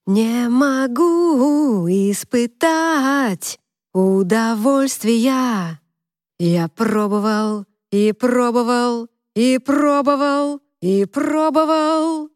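A woman voicing a cocky, playful young male student who half-sings, half-shouts a rock chant. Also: fairly low pitch, normal speed, few pauses, no room sound, clean studio sound, faint music behind, lightly acted. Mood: playful singing.

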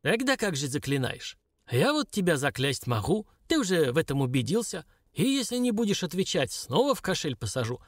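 A man's voice: fairly high pitch, big pitch swings, fairly quick, no echo, clean studio sound, voice pushed up. A man reading an audiobook, voicing a stern, cold old woman shaman who questions curtly. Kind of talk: audiobook character voice.

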